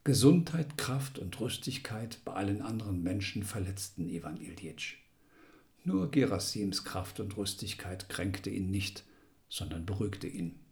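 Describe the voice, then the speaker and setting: A man's voice: low-pitched, lively intonation, unhurried, a little mellow. A man narrating a literary text in an intense, dramatic reading that sometimes drops to a whisper.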